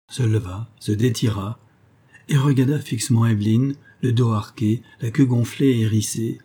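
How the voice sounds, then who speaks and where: A man with a husky voice narrating a gothic tale as an audiobook reading. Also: fairly low pitch, dark tone.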